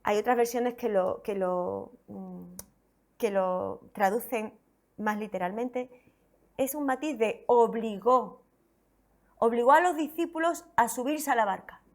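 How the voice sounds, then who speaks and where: A woman's voice: on the high side, measured pace. A woman pastor from Spain preaching a sermon with a Spain Spanish accent, reading scripture expressively and asking the congregation questions.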